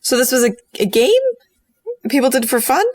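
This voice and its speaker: A woman's voice: fairly high pitch, normal speed, no echo. A woman playing a tabletop game, asking curious questions. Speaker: player. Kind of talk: casual tabletop game play.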